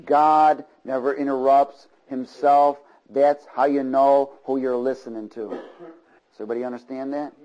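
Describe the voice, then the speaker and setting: A man with a mellow, mid-range voice preaches to a congregation in church, heard on a muffled recording. He builds rhythm through repeated phrases and frequently invites call-and-response agreement.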